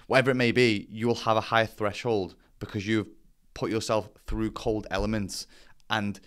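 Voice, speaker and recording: A man's voice: lowish voice, flat delivery, normal speed, fairly bright tone, clean tone. A man giving a casual explainer as a vlogger, talking bluntly with some swearing and self-deprecation. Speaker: vlogger presenting to camera.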